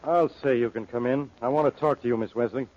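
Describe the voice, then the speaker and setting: An actor playing a hot-tempered, suspicious police inspector with a curt, exasperated delivery in a 1940s radio drama. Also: male voice, mid-range voice, fast, close to an everyday voice. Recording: muffled, noisy 1940s radio recording.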